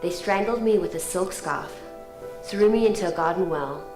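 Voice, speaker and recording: A woman reads a solemn, measured scripted narration. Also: fairly low pitch. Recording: echoey narration over loud music.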